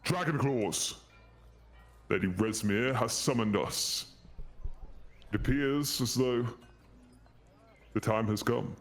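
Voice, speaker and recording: A man voicing a male cult commander whose booming voice carries from far off as he rallies his troops. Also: slow pace, long pauses. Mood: commanding. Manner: commanding, formal proclamation. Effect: booming voice carrying from far off. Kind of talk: game master voicing a figure.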